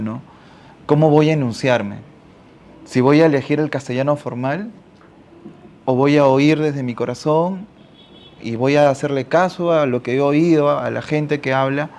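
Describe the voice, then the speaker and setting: A man from Ica, Peru, with a Peruvian Spanish accent, sits on a panel at a literary talk, thinking aloud and often closing phrases with a questioning tag. His voice is mid-range and darkish, with slight background noise.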